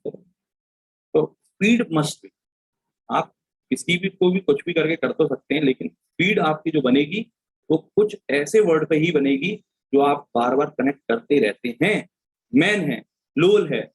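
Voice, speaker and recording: A young adult man teaches a reasoning class in a husky, slightly raised voice. He drills letter pairs over and over, joking as he ties them to easy words. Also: a little high, animated, a little slow, rough recording. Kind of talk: classroom lesson.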